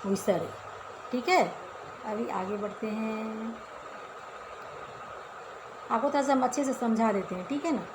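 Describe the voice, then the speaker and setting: High-voiced woman teaching in an echoey room. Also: a little slow, long pauses, noisy background. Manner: chatty, explaining step by step with repeated questions to pupils. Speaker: Hindi teacher. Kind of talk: casual online class for children. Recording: echoey room with faint ambience.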